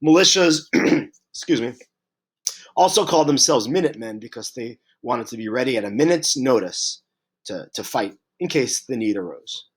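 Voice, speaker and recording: Guy teaching a lesson while feeling sick, lots of ums and restarts, clears his throat a lot. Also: medium pitch, expressive. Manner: halting, many fillers and restarts. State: unwell, clearing throat and coughing. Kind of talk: recorded history lesson.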